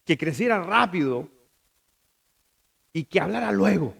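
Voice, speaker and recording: A man's voice: sits high, animated, measured pace, vocal fry, a bit bright, slightly rough. A middle-aged man with a Chilean accent preaching a sermon in a conversational way, asking the congregation rhetorical questions and sometimes breaking off to restart. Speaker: pastor.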